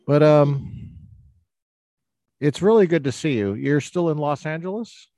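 A man's voice: on the high side, animated, measured pace, warm tone, dry recording. Joking male podcast host, dry sound. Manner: teasing, joking. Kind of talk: casual interview chat.

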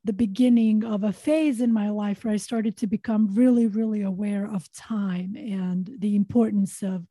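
A woman's voice: medium pitch, steady tone, normal speed, hardly any pauses, warm tone, no echo. A woman from Montenegro, a podcast guest, talking earnestly in a reflective interview with many fillers and repeated words.

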